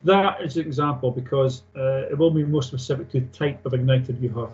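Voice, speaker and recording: A man with a mid-range, somewhat dark voice teaches a technical class, speaking briskly. He reads out points on aircraft engine maintenance and explains them plainly and informally. The recording has a dull, lo-fi quality.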